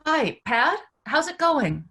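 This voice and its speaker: A woman's voice: high voice, very animated, slow, bright, forceful tone, heavily acted. A woman reading the part of a devoted sister, speaking earnestly and with emotion in a staged play reading. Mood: anxious. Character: caring adult sister, anxious and tender.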